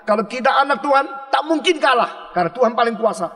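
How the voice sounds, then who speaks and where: An older man preaching a stern, emphatic sermon, asking the congregation rhetorical questions and swinging between loud outbursts and hushed low phrases. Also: expressive, fast, in a large hall. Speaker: pastor.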